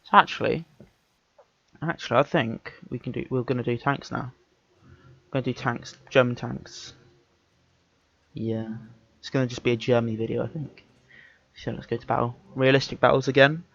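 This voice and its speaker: A man's voice: mid-range voice, steady tone, moderate pace, creaky, pauses often, a bit bright. A man giving casual, rambling commentary while playing a video game, often correcting himself mid-sentence in an easygoing way. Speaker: gameplay commentator. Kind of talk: casual live gameplay commentary. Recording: dull lo-fi mic with game noise. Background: game engine and vehicle noise.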